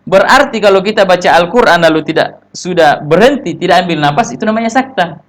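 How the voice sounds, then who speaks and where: Indonesian male tajwid teacher, fairly high voice, short explaining phrases, slow chanted recitations. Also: animated. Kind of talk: religious tajwid lesson with recited examples.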